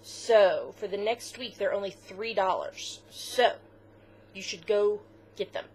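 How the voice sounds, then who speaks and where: A woman co-hosting a home knitting podcast, talking in a loose, chatty way full of "um" and "so." Her pitch sits in an ordinary middle range. A faint hiss runs under the recording. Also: lively intonation, slow pace, darkish tone. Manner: chatty, with fillers, close to tears at times. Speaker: podcast co-host. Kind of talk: casual chat.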